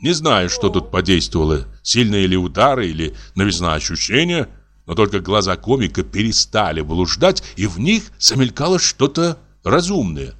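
A man reading a classic story as narration in a measured, expressive way. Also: low-pitched. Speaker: audiobook reader. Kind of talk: scripted literary narration.

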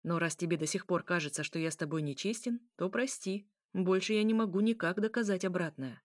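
A woman reading aloud voices a male vampire who speaks calmly and coolly, with a gently mocking edge. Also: lowish voice, a little fast, no echo, clean studio sound, natural voice. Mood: tender. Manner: calm, cool, gently mocking. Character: smooth, calm, teasing male vampire.

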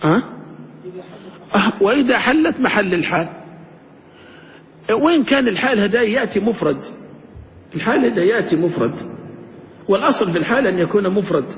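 A man's voice: high-pitched, in a large hall. A man teaching grammar in a classroom lecture, asking students questions and answering them himself.

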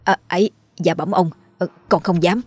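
A woman voicing a brash male servant, loud and rude to peasants but fawning to his master. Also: lowish voice, steady tone, moderate pace, slightly rough, dry recording.

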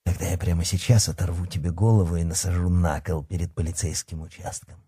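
A man's voice: low voice, steady tone, fast talker, dark tone, breathy edge, dry recording, studio quality. A man voicing a menacing male werewolf who growls, hisses and purrs his threats.

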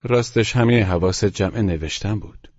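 A man's voice: on the low side, a little mellow, breathy edge, long reverb tail, muffled recording, pitched above the performer's own voice. A man voicing a smug, educated young man who drawls and sounds pleased with himself. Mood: friendly. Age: young adult. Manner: drawling, self-satisfied.

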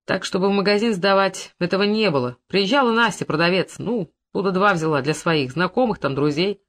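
A reader voicing an evasive rural man caught out, answering tersely in a lowered, reluctant voice. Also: fairly quick, fairly bright tone, close to an everyday voice.

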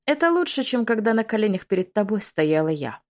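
A woman's voice: mid-range voice, very animated, brisk, voice pushed up, natural voice. Mean sneering witch, as a lady reads her, taunts with a lilt, storybook style. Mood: taunting. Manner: hissing, taunting. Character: spiteful young witch, mocking and vengeful. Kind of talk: audiobook reading.

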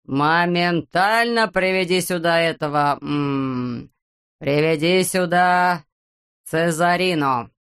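A woman's voice: on the low side, clean tone. Woman voicing a screeching bald tyrant. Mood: furious. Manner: screeching, drawn-out yelling, name-calling. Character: bald bossy greedy male landowner, hot-tempered. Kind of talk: audiobook character voice.

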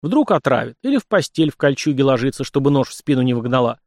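A man's voice: mid-range voice, sing-song, fast, dry recording, close to an everyday voice. A man doing a dry ironic young hero.

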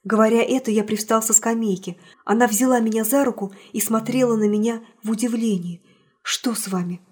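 A woman narrating a literary audiobook in an expressive, emotional way. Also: on the high side, brisk, slightly rough. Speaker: audiobook reader.

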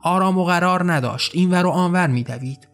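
A man narrates an audiobook story in a calm, measured reading voice that sits a little high for a man. Faint music runs quietly underneath. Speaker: author and narrator.

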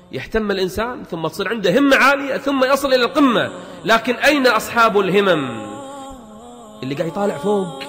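A man's voice: high voice, fairly bright tone. A man preaching a motivational sermon, emphatic, firing rhetorical questions and repeating himself for force. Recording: long hall reverb with background music.

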